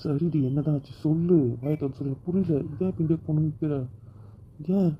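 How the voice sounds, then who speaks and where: A man voicing the husband in an amateur romantic audio drama, often pleading softly. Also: on the high side, steady tone, fast, a little hiss or hum. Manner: pleading, soft-spoken apologies. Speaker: audio drama narrator and lead voice. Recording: tinny phone-like audio.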